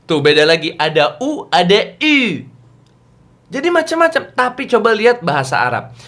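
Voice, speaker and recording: A man teaching a youth religious class over a video call, playful and animated, quizzing his listeners as he talks. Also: sits high, moderate pace. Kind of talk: lively lecture to teens.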